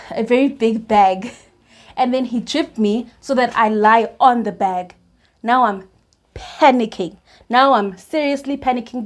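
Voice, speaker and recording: A young South African woman with a South African accent, telling a personal story in a storytime vlog, animated and laughing often between restarts. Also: fairly high pitch. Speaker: YouTuber.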